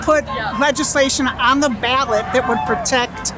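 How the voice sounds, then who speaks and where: A woman's voice: high voice, steady tone, normal speed. A woman in her sixties at a protest, speaking firmly and directly. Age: 60s. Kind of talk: street interview answers. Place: outdoor street protest. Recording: loud crowd and music outdoors.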